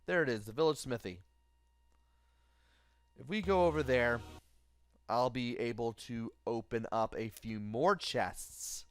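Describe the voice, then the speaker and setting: A man's voice: unhurried, pauses often. Tired man narrating gameplay. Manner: tired, low-key, thinking aloud. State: tired, late at night. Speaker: let's play host. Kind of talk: gameplay commentary. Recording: faint game music behind.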